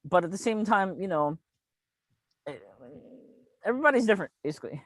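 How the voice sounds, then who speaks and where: A man's voice: high voice, expressive, a little fast, fairly bright tone, no room sound. A man in his thirties chatting casually and swearing freely, tipsy and rambling with slightly slurred words. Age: 30s. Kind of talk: casual chat, profanity-laden.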